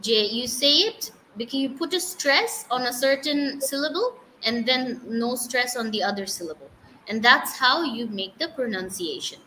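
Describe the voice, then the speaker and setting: A woman's voice: high-pitched, lively intonation, very slow, pushed and bright, slight background noise, low-quality recording. A woman from Bangladesh, an English teacher, talking casually in an interview with many fillers and restarts. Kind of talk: casual interview talk, mixing English and Bengali.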